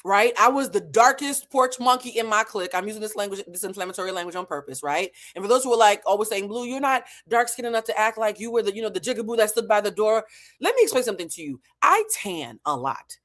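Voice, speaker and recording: Fast-talking and a bit bright, with lively intonation in a mid-range voice, this New England woman hosts an online show and teaches emotional intelligence. Her reality show recap to camera is opinionated, blunt and heavily profane, with rhetorical repetition.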